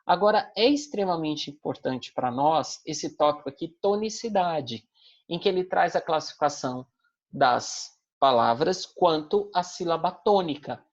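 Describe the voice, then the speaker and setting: A woman's voice: low voice, animated, measured pace, highs cut off. A woman with a Brazilian accent teaching an online Portuguese language class, explaining step by step and often checking in with her students. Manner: didactic, checks in with tag questions.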